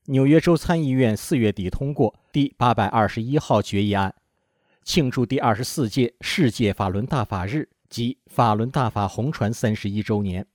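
A man narrating a news report with a formal, steady delivery. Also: medium pitch, normal speed, dry recording, studio quality.

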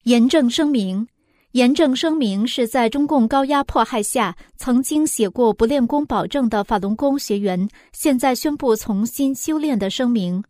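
Woman reading a story calmly, fairly high voice, dry sound. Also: normal speed, dry recording. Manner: calm, even narration. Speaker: program reader. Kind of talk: scripted first-person story reading.

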